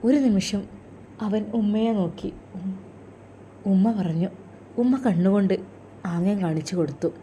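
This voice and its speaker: A woman with a Malappuram accent narrating an emotional story in a slow, heartfelt way. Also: medium pitch, dark tone, slight background noise. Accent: Malappuram Malayalam.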